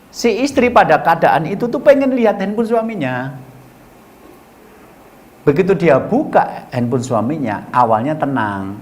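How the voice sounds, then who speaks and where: A middle-aged man giving a colloquial storytelling sermon as a preacher, acting out both sides of the dialogues he recounts. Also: medium pitch.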